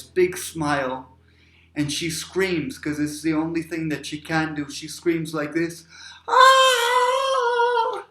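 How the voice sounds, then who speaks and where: Reflective man poet telling personal stories, light pitch, roomy echo. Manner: reflective, wandering into tangents. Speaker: poet and speaker. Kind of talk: personal storytelling talk.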